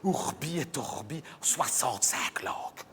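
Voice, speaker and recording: A man's voice: mid-range voice, expressive, unhurried, sharp tone. A man playing a chatty, gossipy middle-aged mother, rambling through a comic monologue. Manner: chatty, rambling, punchline-driven. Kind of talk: stand-up character monologue. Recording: live hall with reverb and audience noise.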